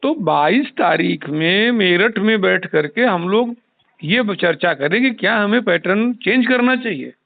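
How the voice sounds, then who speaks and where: On a tinny recorded phone call, a man acting as a union leader insistently explains his point, repeating himself in an informal discussion. His high, animated voice carries vocal fry and keeps a measured pace.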